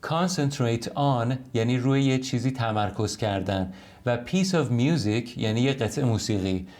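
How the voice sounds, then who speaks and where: Persian-speaking man teaching English slowly. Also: mid-range voice, a little mellow. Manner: explains in Persian, reads English examples slowly and carefully. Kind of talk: online language lesson. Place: home recording.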